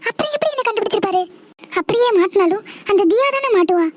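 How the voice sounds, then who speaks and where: A woman's voice: very high-pitched, lively intonation, fast talker, background noise. A woman voicing an anxious young woman in a cartoon who mutters worried thoughts to herself. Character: young woman scheming, scared of being caught. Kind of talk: cartoon voice acting.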